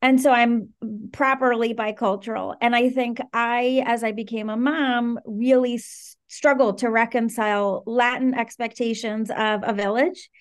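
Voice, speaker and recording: A woman in her thirties, raised between Venezuela and the Washington DC area, speaking as an interview guest in an articulate, earnest and animated way. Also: fairly high pitch, measured pace, few pauses. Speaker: guest, startup co-founder. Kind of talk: interview conversation.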